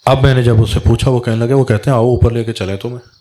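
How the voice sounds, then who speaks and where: A man's voice: mid-range voice, fairly even intonation, mellow. A man, a Sufi spiritual guide, telling a story in a religious talk and acting out the dialogue in quoted voices.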